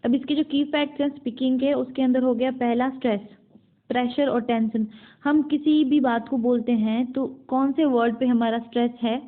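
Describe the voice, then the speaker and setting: A woman with an Indian accent teaches a syllabus topic, walking through each point and then rephrasing it. Her voice sits a little high. The sound is narrow and phone-like, as if recorded on a basic device. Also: steady tone, normal speed. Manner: explains in Hindi mixed with English terms, repeating and rephrasing. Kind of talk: explaining a university English syllabus topic.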